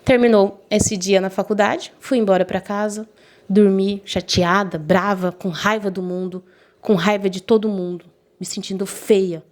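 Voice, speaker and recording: A woman's voice: mid-range voice, fairly even intonation, unhurried, darkish tone. A young woman narrates her own story in the first person. She speaks with open emotion and feeling, and briefly takes on the voices of the other people she quotes. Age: young adult. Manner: emotional, voices quoted friends and mother lightly.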